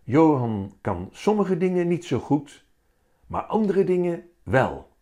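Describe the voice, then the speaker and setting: A man's voice: on the high side, slow pace, voice pushed up. A man voicing a playful, theatrical bearded schoolteacher. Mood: teacherly. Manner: theatrical, animated teaching.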